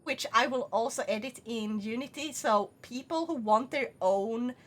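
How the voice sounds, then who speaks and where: A woman livestreamer chatting casually while gaming, giggly and excitable, swearing freely. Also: a little high, moderate pace. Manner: frequent swearing.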